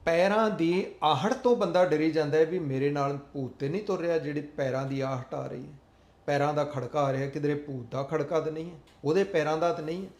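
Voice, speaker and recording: Man, motivational speaker; earnest, repetitive delivery, slightly raised pitch, roomy echo. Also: a little mellow. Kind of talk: motivational talk.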